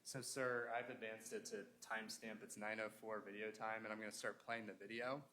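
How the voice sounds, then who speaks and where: A man questioning a witness as a prosecuting attorney in a courtroom, in a formal, procedural and halting way. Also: fairly low pitch, flat delivery, pushed and bright. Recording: noisy courtroom pickup with room ambience.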